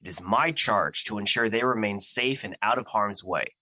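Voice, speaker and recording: Audio drama: male actor as an ancient embodiment of fear, grandiose and troubled, forceful edge, dry recording. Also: lowish voice, normal speed, no echo. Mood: distressed, indignant. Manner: formal, grandiose, theatrical.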